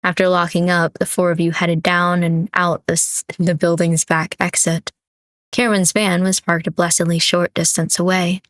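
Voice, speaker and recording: A young woman streamer reading a visual novel aloud in a relaxed way, breaking off for asides and correcting herself. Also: fairly low pitch, moderate pace, no room sound. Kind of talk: reading a story game aloud.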